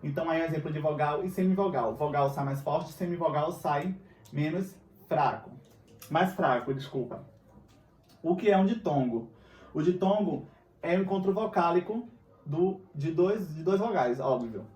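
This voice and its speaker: A man's voice: a little high, expressive, moderate pace, a little mellow, distant mic. A man with a Brazilian Portuguese accent teaching a recorded grammar lesson, patient and often checking in with his students. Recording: echoey room, voice away from mic.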